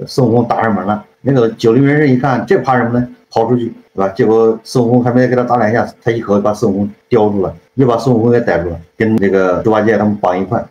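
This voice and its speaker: A man's voice: lowish voice, fairly even intonation, fast talker, few pauses, a little mellow. A man casually retelling a classic story as a channel host, rambling and often correcting himself while checking in with the listener. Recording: roomy, dull lo-fi sound.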